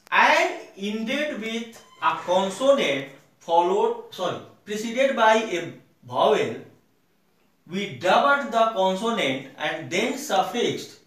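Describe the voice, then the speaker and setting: Slow-speaking man teaching grammar, echoey room. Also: sits high, a bit bright. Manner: slow, repeats points for the class. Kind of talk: grammar lesson. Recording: roomy echo, distant mic.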